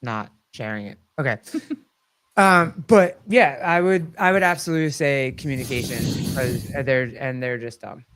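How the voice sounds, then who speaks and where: A man's voice: mid-range voice, animated, moderate pace, noisy background. A man hosting a casual live call-in stream, talking informally and swearing freely. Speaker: livestream host.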